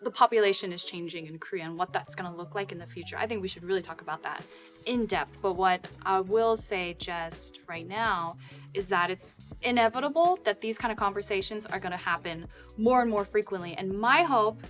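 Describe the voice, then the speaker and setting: A woman co-hosting a casual conversation, thoughtful and animated, often acting out what other people say. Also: medium pitch, a little fast, soft background music. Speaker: co-host. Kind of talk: casual chat.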